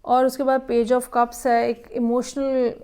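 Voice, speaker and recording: A woman's voice: a little high, level tone, slow, a little mellow, smooth. A woman giving a weekly tarot horoscope reading, musing aloud and slipping English phrases into her talk. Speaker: tarot reader.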